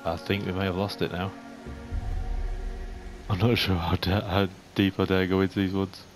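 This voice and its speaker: A young man giving casual game commentary, chatting to the animals in the game and getting jumpy and excitable. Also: sits low, measured pace, over music. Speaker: gaming YouTuber. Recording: faint hiss.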